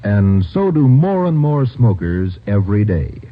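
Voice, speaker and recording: A man's voice: lowish voice, big pitch swings, unhurried. A man reading a 1950s radio commercial as an emphatic announcer and salesman. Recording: dull old radio recording.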